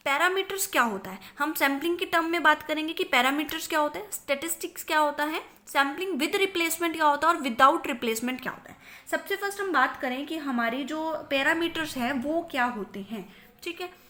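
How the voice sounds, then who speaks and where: A young woman with an Indian accent lectures as a commerce teacher in a high, bright voice. She poses questions to her viewers and answers them herself, repeating key terms. She slips English technical words into her Hindi explanations. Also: normal speed. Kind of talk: recorded lecture.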